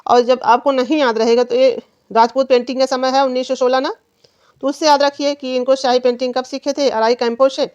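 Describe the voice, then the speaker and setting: A woman's voice: sits high, flat delivery, a little fast, a little mellow, clean tone, no room sound, lo-fi sound. A woman teacher giving an exam-prep lesson, asking questions and answering them herself. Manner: repetitive quizzing, asks and answers own questions.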